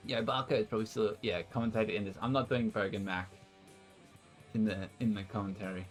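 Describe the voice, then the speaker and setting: An Australian man casts esports and chats casually with his stream viewers, energetically hyping them up between play-by-play commentary. His voice is fairly low with fairly even intonation and a moderate pace, broken by long pauses over soft background music.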